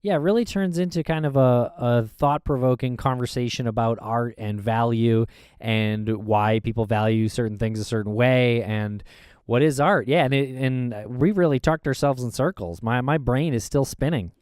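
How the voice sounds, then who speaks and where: Male podcast co-host, easygoing and quick to laugh, mid-pitched, recorded close and dry. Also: clear, resonant tone, dry recording. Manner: relaxed, laughs easily, narrates clips as they play. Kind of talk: casual podcast chat.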